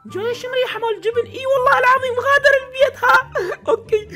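A man voicing a cheeky, poor little male mouse in a Minecraft machinima, with a squeaky, high, nasal voice, Iraqi accent and a taunting, giggly, whiny manner. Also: fairly bright tone. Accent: Iraqi Arabic.

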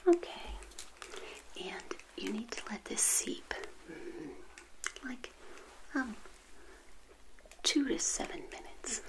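In a low-quality recording, an older woman performs a gentle, playful ASMR roleplay as a witch hostess, whispering breathily directly to the listener. Her mid-range voice is animated, slow and punctuated by frequent pauses.

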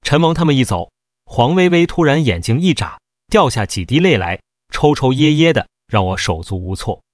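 A man narrating a first-person novel as a storyteller, in a steady, even read. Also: medium pitch, moderate pace, dry recording, clean studio sound.

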